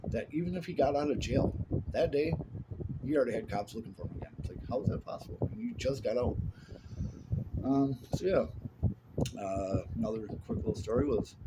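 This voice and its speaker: A man telling stories from his life in a casual monologue. He talks bluntly, swears, and fills his speech with asides and fillers. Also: mid-range voice. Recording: loud steady background noise.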